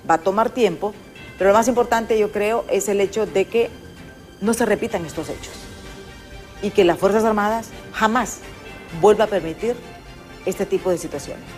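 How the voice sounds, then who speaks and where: A woman's voice: medium pitch, moderate pace, long pauses, darkish tone. An older woman with a Honduran Spanish accent hosts a political interview program. She talks in an emphatic, opinionated way and turns to address the viewers directly, and faint music plays under her voice. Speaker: host. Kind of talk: political talk show interview.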